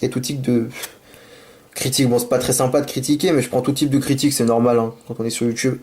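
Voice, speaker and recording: Nursing a sore throat from a cold, a man opens card packs in a casual home-made video, rambling and apologizing before getting excited about his pulls. He talks fast in a mid-range voice, recorded on the camera mic.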